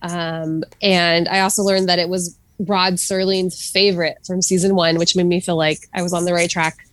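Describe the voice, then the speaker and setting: Speaking at a moderate pace in a lowish, level voice, this woman co-hosts a podcast in casual, loose conversation. Her talk is chatty, packed with fillers and frequent laughter, and there's no echo on the recording.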